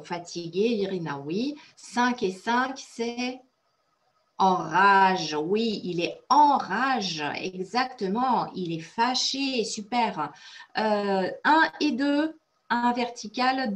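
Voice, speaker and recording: Russian-native woman teacher, unhurried, cheerful praise for students. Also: on the high side, lively intonation. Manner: encouraging, praises students often; explains and translates phrases step by step. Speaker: French teacher. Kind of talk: online conversation class.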